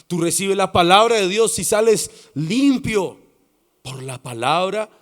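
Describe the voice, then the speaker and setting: Man, Colombian accent, pastor, sermon, dramatic, loud to hushed, high voice. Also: expressive, takes it slowly.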